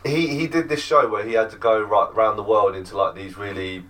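A man's voice: fairly low pitch, fairly even intonation, brisk, fairly bright tone, recorded from a distance. A man hosting a podcast, telling a rambling story in casual chat, often groping for names. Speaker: podcast host.

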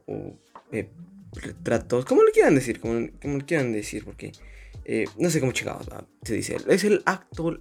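A man's voice: mid-range voice, vocal fry, darkish tone. A young man hosting a podcast as a rambling, self-mocking casual monologue full of crude slang. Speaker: podcast host.

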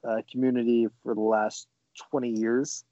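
Man, casual podcast chat, halting with fillers, dull lo-fi sound. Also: medium pitch, little pitch movement, dark tone, no room sound. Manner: laid-back, halting with many fillers. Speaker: podcast co-host.

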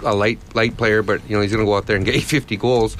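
A man's voice: lowish voice, steady tone, fast talker, slight background noise. A man answering casually as a coach in an interview, very colloquial and punctuated with filler phrases. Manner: colloquial, punctuated with "you know". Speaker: ice hockey coach, interview guest.

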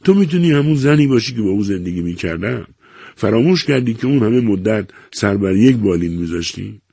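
Man doing a desperate middle-aged man, pleading and strained, raised pitch, gravelly husky edge, dry close sound, audiobook. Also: big pitch swings, dark tone, dry recording, heavily acted.

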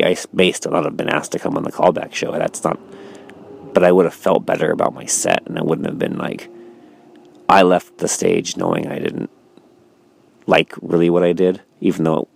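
A man's voice: sits low, moderate pace, vocal fry, husky. A man, a stand-up comedian, talking casually to camera early in the morning, sleepy and yawning, rambling and reflecting on his night with lots of fillers and restarts. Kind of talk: casual vlog monologue.

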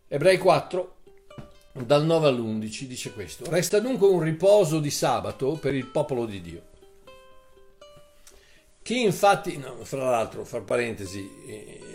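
A man preaching a sermon in an animated way, repeating phrases and rising into emphatic bursts. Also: medium pitch, moderate pace, soft background music.

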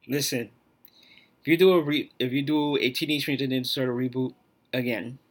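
A man's voice: mid-range voice, a bit bright. A man hosting his own podcast, talking alone in a blunt, profane, opinionated rant. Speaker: podcast host.

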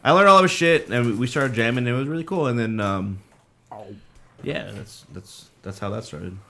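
A man's voice: mid-range voice, animated, moderate pace, vocal fry, heavy background noise. A man in his late twenties, a band's drummer, chatting casually in an interview and rambling with lots of fillers and restarts. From Southern California. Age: late 20s. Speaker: drummer in a band.

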